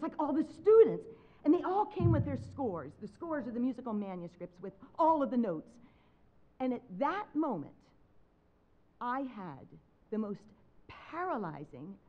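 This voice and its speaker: A woman gives a talk from a stage, telling a personal story with dramatic, animated delivery. Her voice sits a little high, and its pitch swings widely from phrase to phrase. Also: muffled recording. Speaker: speaker, concert pianist. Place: stage talk before an audience.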